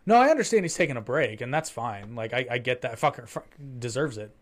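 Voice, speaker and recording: A man's voice: mid-range voice, expressive, quick pace. A man co-hosting a podcast, chatting casually and rambling into profane stories. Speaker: podcast co-host. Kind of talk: casual chat.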